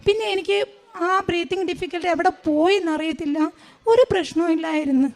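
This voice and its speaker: A woman tells her own story as a testimony. Her voice sits very high, and she speaks plainly, pausing and restarting her words as she goes. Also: a little mellow. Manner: plain, halting storytelling with self-corrections. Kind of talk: personal testimony.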